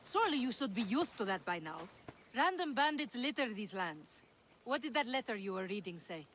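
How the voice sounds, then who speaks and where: A woman's voice: fairly high pitch, very animated, normal speed, fairly bright tone, a little hiss or hum. Odessa, bold glory-hungry young woman. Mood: anxious, shaken. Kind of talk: video game cutscene dialogue. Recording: game music behind the voice.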